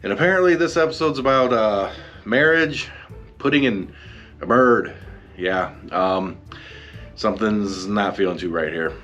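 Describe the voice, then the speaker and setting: A man's voice: unhurried, long pauses, fairly bright tone, faint music behind. A man hosting an anime review show, rambling through a sarcastic, casual recap with swearing and mocking asides. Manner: jumps in pitch for mock quotes. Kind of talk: casual solo commentary.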